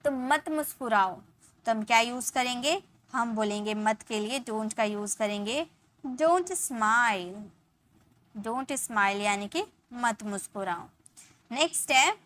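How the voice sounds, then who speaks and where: A young woman with a high, bright voice and an Indian English accent leads a spoken English lesson. She explains each point step by step, repeats every example sentence and asks her students to answer. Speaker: English teacher.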